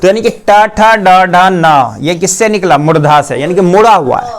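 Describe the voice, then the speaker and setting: Higher-pitched man teaching in a slow Bihari drill. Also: lively intonation. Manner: drills sounds slowly, quizzes students often. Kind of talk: classroom Hindi pronunciation lesson.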